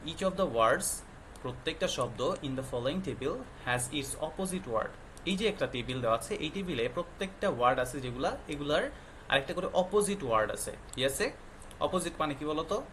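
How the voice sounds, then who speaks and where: A man's voice: fairly high pitch, a bit bright, slight background noise. A male teacher patiently explaining a lesson to young children, quizzing them often and mixing English words into his explanations. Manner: patient, quizzing with frequent questions.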